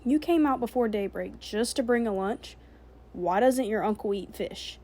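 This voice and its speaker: A woman voicing a gruff, suspicious male soldier in a storybook reading, barking curt questions. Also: fairly high pitch, moderate pace, dark tone.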